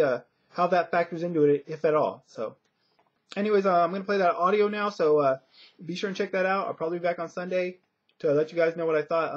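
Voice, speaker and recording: Slightly rough and a little high, this man's voice offers casual fight predictions in a hesitant, chatty commentator style. The recording has a dull lo-fi quality.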